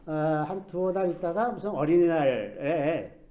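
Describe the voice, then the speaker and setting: A middle-aged man preaching a sermon as a pastor, telling stories in a conversational way and softly acting out quoted speech. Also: fairly high pitch, animated, a little slow.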